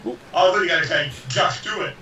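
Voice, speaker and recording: A man's voice: on the high side, fast, far from the mic. A man chatting casually as a player at a tabletop role-playing game. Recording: echoey, dull, noisy, off-mic.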